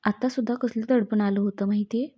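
A woman's voice: medium pitch, steady tone, fast, dark tone, slightly rough, close to an everyday voice. A woman reading the lines of an anxious, affectionate young wife in a storybook, worried and pleading.

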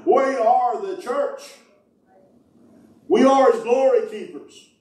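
A middle-aged man preaching as pastor, calling out to his congregation and shouting with fervor. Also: very high voice, slow pace, recorded from a distance. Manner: fervent preaching, calls out to the congregation, shouts "woo". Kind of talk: sermon. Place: church sanctuary, indoors. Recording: echoey church hall from afar. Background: congregation responding.

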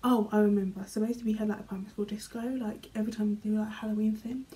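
A chatty young British woman vlogs from a small bedroom, reading questions aloud and chatting casually in front of a camera at medium framing. Her mellow, medium-pitched voice stays level and rapid-fire, packed with fillers and often trailing off quietly.

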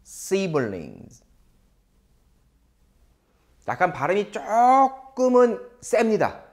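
Slow phrase drills and animated explanations mark this English lesson from a man speaking with a Korean accent. His voice runs a little high.

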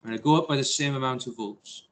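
A man's voice: mid-range voice, quick pace, fairly bright tone, low-quality recording. A man teaching a science lesson to his class, talking through a simulation with jokey, self-deprecating asides.

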